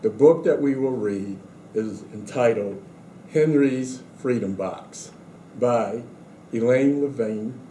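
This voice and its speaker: A school administrator introduces and reads a story aloud for children from a script, speaking slowly in a very mellow, medium-pitched voice. The room has a roomy echo and faint background noise.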